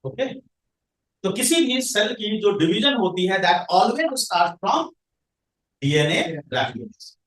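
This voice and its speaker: High-voiced male teacher quizzing a class. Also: big pitch swings, takes it slowly, a bit bright. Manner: quizzes the class and answers his own questions. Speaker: science teacher. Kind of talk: classroom lecture. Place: classroom with students. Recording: echoey room, voice from far off the mic.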